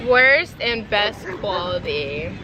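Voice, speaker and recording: A young American woman talks casually and candidly, with a slangy party-girl manner. Her pitch is average for a woman. She is recorded outdoors with very loud crowd noise all around. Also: lively intonation, takes it slowly. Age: young adult. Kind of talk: casual Q&A chat.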